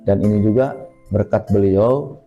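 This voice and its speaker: A man slowly and deliberately recounting memories from his own life. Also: lowish voice, lo-fi sound, faint music behind. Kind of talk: reminiscing interview.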